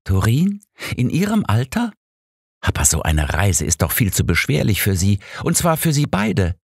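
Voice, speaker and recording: A man voicing a brisk, motherly housekeeper who scolds two quarreling old men. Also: on the low side, very animated, a little mellow, dry recording, clean studio sound, voice pushed up. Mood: bossy. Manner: bossy, firm.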